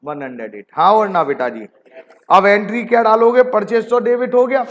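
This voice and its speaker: A man's voice: sits high, muffled recording, slight background noise. A man teaching an online accounting class, coaxing his students with repeated questions and calling them "beta ji". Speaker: commerce teacher.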